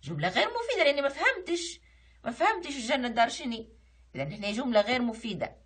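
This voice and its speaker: A woman's voice: fairly high pitch, big pitch swings, fast, a bit bright, slightly rough. A woman teacher with a Libyan accent, reviewing a lesson online and patiently explaining. She asks questions and then answers them herself. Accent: Libyan Arabic.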